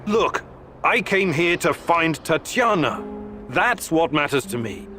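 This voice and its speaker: A man's voice: a little high, very animated, takes it slowly, sharp tone, heavily acted. An actor playing a guarded, level-headed male scientist in a video game, with music behind him. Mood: calm, firm. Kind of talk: video game dialogue acting.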